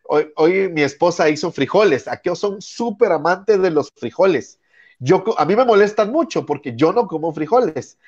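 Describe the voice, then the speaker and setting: A man's voice: sits high, animated, normal speed, a little mellow, breathy edge, dull audio. A man with a Guatemalan accent hosting a casual talk show, telling stories and acting out the people he quotes. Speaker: podcast host.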